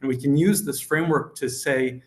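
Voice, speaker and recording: A man's voice: mid-range voice, moderate pace, a little mellow, echoey room. A man who is a rabbinical student gives an earnest, emphatic panel talk with some restarts.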